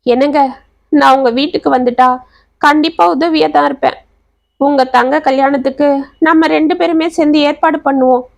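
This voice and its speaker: A woman's voice: high-pitched, fairly even intonation, normal speed, creaky, no room sound. Woman voicing a tearful young woman in love. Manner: pleading.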